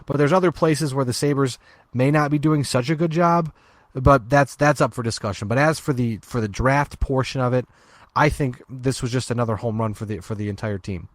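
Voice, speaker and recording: A man's voice: medium pitch, moderate pace, dry recording. Rambling man on a sports podcast. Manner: rambling, many restarts and fillers. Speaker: podcast co-host. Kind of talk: casual sports podcast chat.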